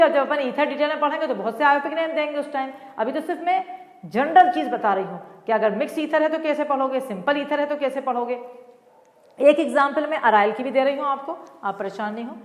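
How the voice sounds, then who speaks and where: High-voiced teacher woman in an echoey room. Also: fast talker. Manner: explains patiently, mixing Hindi and English, calls students "beta". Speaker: chemistry teacher. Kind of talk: online class lecture.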